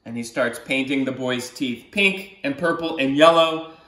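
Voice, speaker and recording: In a small living room, a middle-aged children's author sits on the sofa reading a picture book aloud with lots of expression, stopping now and then to explain things. His voice is medium-pitched, unhurried, pushed and bright, and the room gives the recording a roomy echo.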